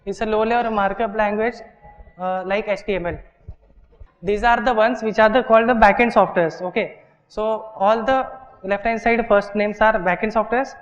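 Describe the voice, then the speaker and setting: Indian man, instructor, high voice, hall reverb, dull recording, steps through explanations, checks with "okay". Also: steady tone, normal speed. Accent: Indian English. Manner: explains step by step, often checks with "okay" and "right". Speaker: workshop instructor. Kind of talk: live classroom teaching. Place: large lecture hall.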